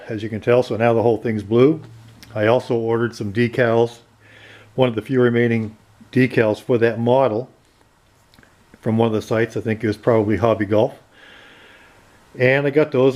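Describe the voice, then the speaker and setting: A man's voice: medium pitch, darkish tone. Rambling man touring his basement workshop. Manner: rambling, self-correcting, matter-of-fact. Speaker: RC plane hobbyist. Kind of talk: casual workshop tour.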